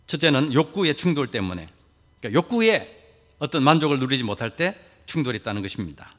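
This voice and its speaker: A male pastor delivers a sermon with an animated, widely swinging pitch. He keeps asking the congregation rhetorical questions and drops in folksy, humorous asides. His voice carries the long reverb of a large hall. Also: fast talker.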